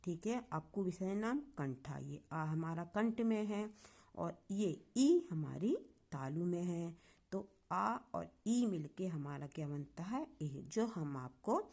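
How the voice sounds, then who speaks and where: A woman teaching a grammar lesson online, explaining patiently, sounding out syllables slowly and asking the class questions. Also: lowish voice, animated, creaky, darkish tone.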